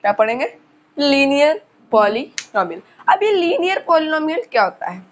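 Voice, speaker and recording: A woman's voice: high voice, very animated, slight background noise. A woman teaching school math in a casual lecture, who repeats key terms and quizzes her listeners. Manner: slows down while writing on the board. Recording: dull lo-fi recording.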